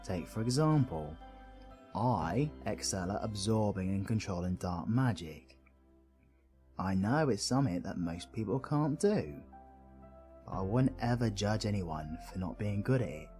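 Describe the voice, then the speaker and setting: A British man plays a cheeky, kind-hearted supervillain in a scripted audio roleplay addressed to the listener, sounding chummy, slangy and reassuring, with a bit of mild swearing. His voice is on the low side, warm and expressive, at a measured pace, and the mood is gentle. Faint music plays behind him.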